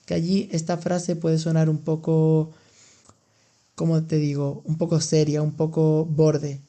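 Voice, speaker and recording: A young man from Andalusia, Spain, hosts a casual language-learning podcast, patiently explaining expressions with examples. His voice is fairly high and warm, with a completely flat delivery and a slightly slow pace. It's a relaxed educational chat from a podcast host and language teacher.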